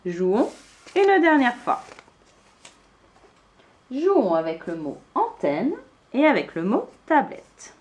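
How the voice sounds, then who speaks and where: A woman's voice: on the high side, wildly swooping pitch, a little mellow. A woman teacher giving a spelling lesson to young children, spelling words out letter by letter. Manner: slow, clearly spelled out letter by letter.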